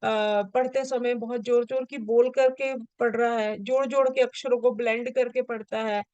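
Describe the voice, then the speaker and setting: A woman's voice: a little high, steady tone, normal speed, darkish tone, clear, resonant tone, no room sound, highs cut off. Patient woman teaching with many check-ins. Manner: patient, checks in often with rhetorical questions. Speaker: special education teacher. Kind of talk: explaining an assessment form to students.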